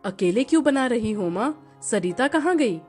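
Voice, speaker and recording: An impatient young husband, put on by a woman narrator, stern and quick to scold. She drops her voice lower for him. It is a storybook telling with faint music behind. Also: lively intonation, a little mellow, slightly rough.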